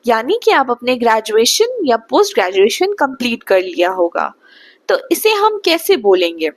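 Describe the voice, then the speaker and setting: A young woman from Bihar teaching spoken English slowly and patiently, often checking whether the listener has understood. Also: a little high, no room sound. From Bihar, India. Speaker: English tutor.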